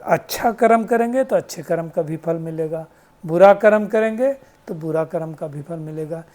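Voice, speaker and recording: A fairly high, darkish voice at normal speed belongs to the spiritual teacher giving this devotional talk. He explains patiently, quotes sayings, and asks rhetorical questions, often closing them with "है ना?".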